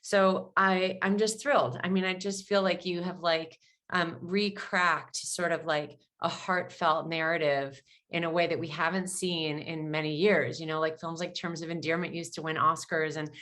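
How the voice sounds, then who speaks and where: A woman's voice: deep voice, steady tone, normal speed, hardly any pauses, a bit bright. A woman moderating a panel over a video call, enthusiastic and gushing, with lots of filler words in casual conversation.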